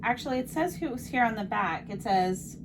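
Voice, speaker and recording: A woman's voice: fairly high pitch, expressive, normal speed. Woman casually interviewing, noisy room tone. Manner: echoes back answers, asks short questions. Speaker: interviewer, granddaughter. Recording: clear background noise.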